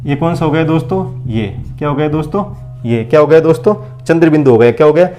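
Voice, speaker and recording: A teacher with a higher, dark-toned voice drills a blackboard lesson for exam preparation at a fast clip. He works call-and-response, repeating questions and their answers, and keeps calling his listeners friends.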